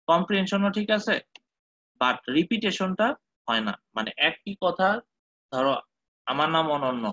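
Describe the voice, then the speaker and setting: A man teaching a medical lecture, often pausing to check that his listeners follow and mixing in English terms. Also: fairly high pitch, sharp tone, no room sound. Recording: dull, dry close recording.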